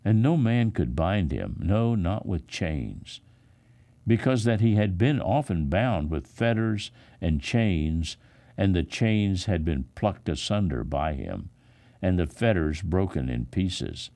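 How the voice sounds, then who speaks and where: A deep-voiced male pastor reads aloud from the Bible. His style is solemn and dramatic, with measured, expressive emphasis.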